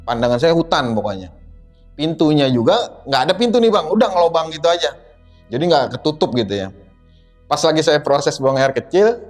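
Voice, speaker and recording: Animated man telling a horror tale. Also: a little high. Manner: lively, dramatic retelling with acted quotes. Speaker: guest storyteller. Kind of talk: telling a horror experience in a podcast.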